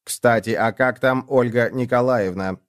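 A mocking, cold-hearted ship computer, scornful and needling in a smooth, resonant voice, as a man reads it out. Its tone sits in a middling register and sounds dry and close for an audiobook. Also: mid-range voice, unhurried, dry recording, lightly acted. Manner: needling, sarcastic interrogation.

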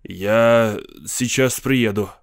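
A man voicing a gruff, lecherous old male police commissar in a storybook reading, impatient and curt. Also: medium pitch, moderate pace, dry recording, clean studio sound, natural voice.

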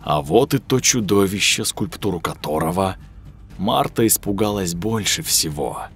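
A man narrating a scripted horror story in a measured, hushed way. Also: deep voice, animated. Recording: dry studio voice over soft music.

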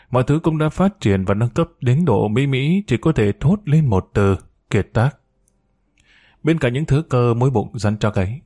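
A man narrating a serialized story in a steady, measured audiobook reading. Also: medium pitch.

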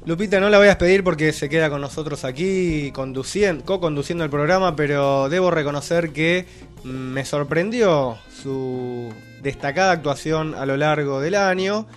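A man hosts a radio show with casual, teasing banter. His voice sits a little high for a man, and faint music plays under the talk. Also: normal speed. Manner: wry, teasing interjections. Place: radio studio.

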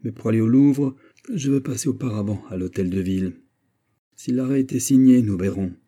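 Haughty minister read by a man; husky, raised voice, indignant declamation. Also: lowish voice, brisk, warm tone, natural voice. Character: proud haughty male finance minister, imperious. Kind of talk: audiobook character reading.

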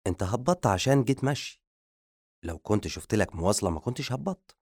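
A man with an Egyptian accent voicing a dim-witted male assistant who cracks quick jokes. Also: fairly low pitch, lively intonation, darkish tone, no echo, studio quality. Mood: wisecracking. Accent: Egyptian Arabic.

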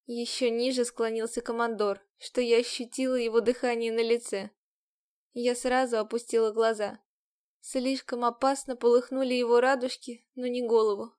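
A woman's voice: on the high side, level tone, normal speed, a little mellow, clean tone. Woman narrating an audiobook in first person.

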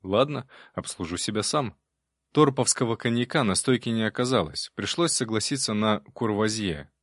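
A man's voice: on the low side, animated, moderate pace, a bit bright, no echo, clean studio sound. A man reading a first-person audiobook in a wry, conversational storytelling manner. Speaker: audiobook narrator.

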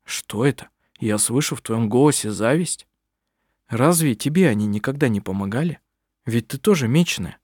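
A man's voice: mid-range voice, lively intonation, moderate pace, a little mellow, breathy edge, dry recording, clean studio sound. A man reading aloud, voicing an earnest young man who is an eager would-be sorcerer and a fond son. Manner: earnest, affectionate.

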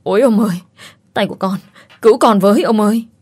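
A woman's voice: fairly low pitch, a little fast, close to an everyday voice. Woman doing a whimpering male servant. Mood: pleading. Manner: pleading, whimpering. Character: frightened whining male servant.

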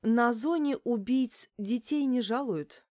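A woman's voice: a little high, slow pace, dark tone, no room sound. Woman narrating a dry detective audiobook. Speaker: audiobook reader. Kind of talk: first-person detective novel narration.

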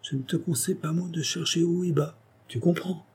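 A discreet older country doctor who speaks in a hushed, confiding way, as a man reads him. The voice is raised in pitch but kept low in volume, with a husky tone. It is read as part of a classic novel audiobook. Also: expressive, a little fast.

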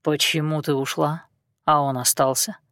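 A woman voicing a young man who speaks slowly, quietly and with soft menace. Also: flat delivery, no echo, clean studio sound. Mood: quietly menacing. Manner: low, quiet, slow and menacing.

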